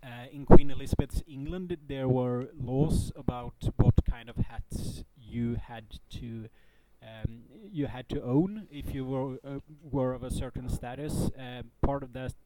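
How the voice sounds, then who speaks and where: A man chatting casually as a podcast co-host in a halting, hesitant way. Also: medium pitch, noisy background.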